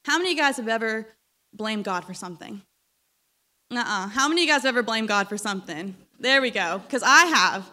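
Young woman preacher, high bright voice, animated storyteller, voice recently lost. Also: a little fast. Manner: animated, storytelling, laughs when uncomfortable. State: recovering from lost voice. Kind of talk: sermon.

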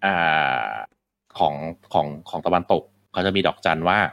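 Deep-voiced man in casual game talk. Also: fairly even intonation, unhurried, a bit bright, clean tone, dry recording. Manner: rambling, many fillers and restarts. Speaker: game podcast host.

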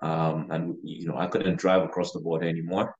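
A young Ugandan man with a low-pitched voice speaks a little fast over lo-fi audio. A real estate investor appearing as a podcast guest, he talks in a relaxed, casual interview style, full of fillers like "you know" and "uh."

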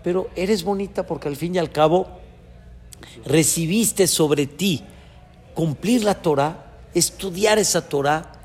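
A man teaching as a rabbi, giving a Torah lesson in a lively way that swings between loud emphasis and soft asides. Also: a little high, measured pace, breathy edge. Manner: chants short verses in the original text. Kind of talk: Torah lesson on a biblical text. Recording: reverberant hall with faint background noise.

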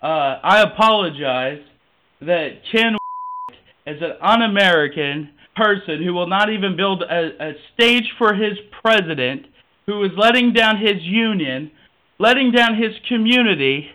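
Twenties man, nasal, calm taunting caller, high and sharp voice. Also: measured pace, poor audio. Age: 20s. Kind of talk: provoking phone call.

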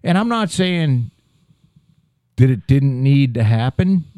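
A man's voice: medium pitch, lively intonation, takes it slowly, warm tone, no echo. Profane rambling man in his fifties. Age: 50s. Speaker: podcast co-host. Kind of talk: casual chat.

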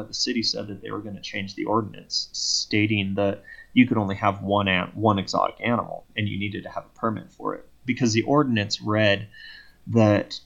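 A man's voice: fairly low pitch, creaky, highs cut off. A man speaking as a podcast guest, telling a long story casually and acting out both sides of each conversation. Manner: animated retelling that acts out both sides of conversations.

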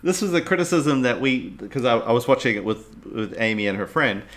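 A man in relaxed conversation, recounting film scenes with trailing phrases. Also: medium pitch, a little fast. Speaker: podcast co-host discussing a film. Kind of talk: casual film discussion.

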